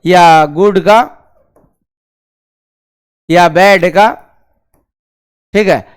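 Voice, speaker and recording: A man's voice: high-pitched, fairly even intonation, smooth. A male grammar teacher giving a classroom lesson, asking the class questions and repeating key terms. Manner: drills slowly on key terms.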